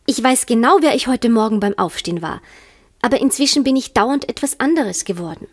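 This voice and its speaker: Alice: a woman doing a polite, flustered storybook girl, lifted and eager. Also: animated. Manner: eager, higher and quicker.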